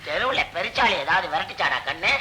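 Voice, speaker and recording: An actor playing a henpecked middle-aged husband in a 1970s film comedy, with exaggerated comic outbursts. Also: male voice, sits high, expressive, fast, pushed and bright, a little hiss or hum, exaggerated voice, rough recording. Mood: blustering. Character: henpecked middle-aged husband, former clerk, blustering and pious.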